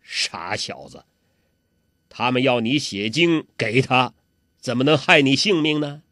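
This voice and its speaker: A man's voice: mid-range voice, expressive, measured pace, sharp tone, no room sound, clean studio sound. A man voicing an old male beggar martial arts master with coarse, scolding, chuckling speech. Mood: gruff, scheming.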